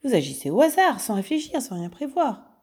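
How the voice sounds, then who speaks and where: A woman voicing a sly, taunting gentleman thief, a grown man who mocks his rival while she reads a storybook aloud. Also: mid-range voice, moderate pace, close to an everyday voice. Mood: mocking. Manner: taunting, teasing, condescending.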